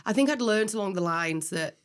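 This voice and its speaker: A woman's voice: mid-range voice, animated, brisk. A woman from Stoke in her forties, talking casually as a podcast guest and laughing easily through her stories. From Stoke-on-Trent, England. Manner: chatty, laughs while telling stories. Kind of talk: casual conversational interview.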